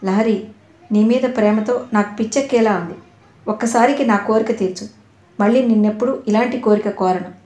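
A woman's voice: medium pitch, moderate pace, a little mellow, close to an everyday voice. A woman voicing a pushy, predatory young man who pleads and sneers, in an audio novel. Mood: wheedling. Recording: echoey room.

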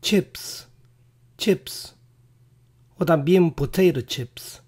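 A man teaching a vocabulary quiz goes over each English word slowly and carefully, though his voice isn't fully back to normal. It's a little high, husky, and darkish in tone.

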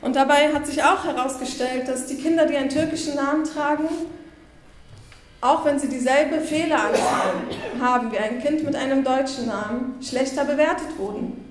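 High-voiced young woman giving a stage talk. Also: roomy sound, a little hiss or hum. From Berlin, Germany. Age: 20s. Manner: earnest storytelling, acting out quoted remarks. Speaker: conference speaker. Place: bright conference room with windows. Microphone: headset mic.

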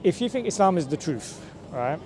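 A street preacher stands in a busy city square, caught by a camera mic a few meters off, with a crowd audible behind him. His voice runs on the high side with big pitch swings at a normal speed as he presses his questions in street conversation, persuasively checking in again and again with things like "right?".

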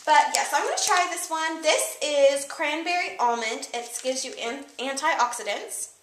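A woman's voice: sits high, animated, normal speed, reverberant, noisy background. A young woman chatting casually through a grocery haul, rambling with many fillers, recorded on a camera mic a few feet away indoors. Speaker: vlogger. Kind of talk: casual product haul chat. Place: room with a table by windows, indoors.

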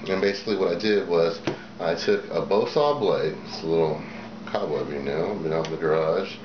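A man's voice: low voice, normal speed. A middle-aged man hosting a casual show-and-tell video at a table, talking in a plain-spoken, rambling way with many fillers. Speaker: video host. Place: small indoor room at a table. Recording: echoey room, dull sound, background noise.

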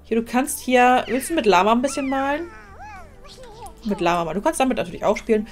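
Woman, chatty game streamer, bright higher voice, talks to her characters, faint music behind. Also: expressive, quick pace. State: sniffly with a cold. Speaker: streamer playing a life-sim game. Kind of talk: casual live-stream commentary.

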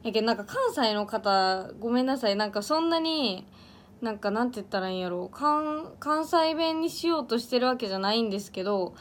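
A woman's voice: fairly high pitch, animated, brisk, a little hiss or hum. A young woman from Ehime with an Iyo dialect, chatting casually on a livestream, reading viewer comments, laughing often and stumbling over words. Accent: Iyo dialect of Ehime, Japan. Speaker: idol livestreamer.

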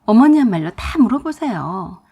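Young adult woman storyteller, higher husky voice, exasperated first-person telling. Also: sing-song, moderate pace, dark tone. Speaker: narrator.

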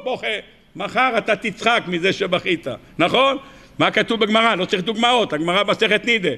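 A rabbi delivers a lively weekly sermon in a high, bright voice. He keeps throwing questions at his listeners and bursts into short cries when he acts out scenes. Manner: animated, asks the audience rhetorical questions.

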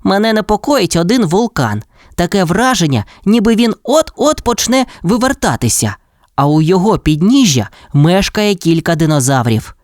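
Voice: mid-range voice, very animated, moderate pace, darkish tone, no echo, studio quality, pitched above the performer's own voice, lightly acted. A storyteller voicing a friendly boy who speaks the dinosaurs' language in an audio fairy tale. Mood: earnest.

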